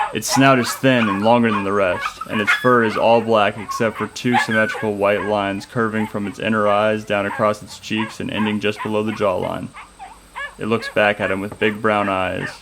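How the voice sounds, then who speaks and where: A man narrating a story in a steady, measured delivery. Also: fairly low pitch, background noise.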